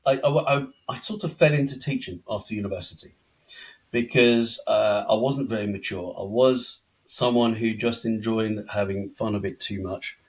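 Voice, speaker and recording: A man's voice: lowish voice, normal speed, poor audio. A middle-aged man from Belgium, telling his life story as a guest in a conversational interview, chatty and self-deprecating. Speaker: podcast guest.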